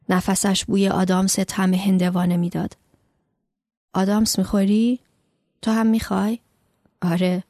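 Woman reading a story, slight vocal fry. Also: mid-range voice, a little mellow, no room sound, clean studio sound. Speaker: author reading her own story.

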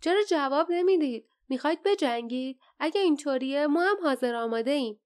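A woman reading the lines of a gruff, burly male warrior in an audiobook. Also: a little high, natural voice. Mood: loud challenge. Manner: grumbling, then loudly challenging. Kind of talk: audiobook character voice.

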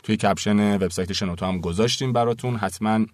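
A man's voice: on the low side, no room sound. A man co-hosting a podcast, chatty and joking with his co-host. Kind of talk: casual chat.

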